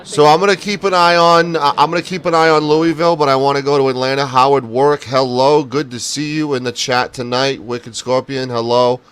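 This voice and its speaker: A man's voice: mid-range voice, flat delivery, a little fast, few pauses, a bit bright, clean tone, low-quality recording. A man hosting a casual live panel stream, greeting viewers and swearing freely. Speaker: livestream host.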